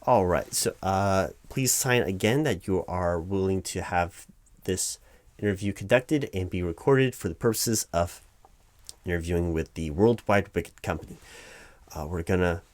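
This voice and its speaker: Speaking a little slowly in a low, darkish tone, a performer plays a job interviewer: a corporate hiring manager who's distracted and evasive. The comedic roleplay is one-sided, full of officious stammering and rambling.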